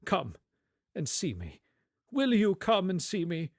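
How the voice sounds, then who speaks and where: A giddy, exclaiming old gentleman. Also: high voice, slow, dry recording, studio quality, voice pushed up, full character voice. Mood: warmly courteous. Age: older. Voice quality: excitable, exclaiming, breaking into chuckles. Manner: effusive, courteous, old-fashioned British phrasing. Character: elderly reformed miser, giddy with joy and generosity. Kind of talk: theatrical storybook radio-play acting.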